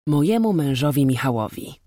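A woman narrating an audiobook in an expressive storytelling manner. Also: low-pitched, brisk, no echo, studio quality. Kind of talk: scripted narration.

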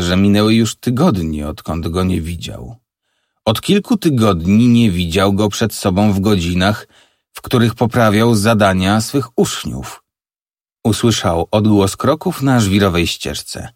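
A man narrating an audiobook in a measured, expressive reading. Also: lowish voice, no room sound, clean studio sound. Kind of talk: scripted narration.

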